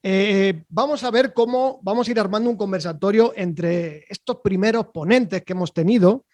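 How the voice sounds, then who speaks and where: Over a video call, this interview host talks at a moderate pace in a fairly high, slightly mellow voice, loose and rambling with frequent fillers. He keeps tacking on "¿vale?" to check in with his guest, and his close, dry sound has no room around it.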